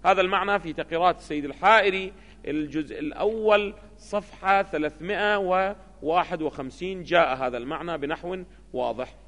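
Male lecturer, high and sharp voice, teaches by prodding the class with questions, in a reverberant hall. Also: fast. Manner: keeps asking rhetorical questions of students. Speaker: seminary lecturer.

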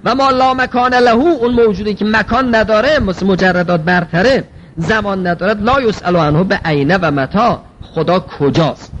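A man's voice: high voice, a bit bright, highs cut off, a little hiss or hum. A man teaching a seminary-style logic class. He reads Arabic phrases aloud, then explains them in everyday speech, asking rhetorical questions and answering them himself.

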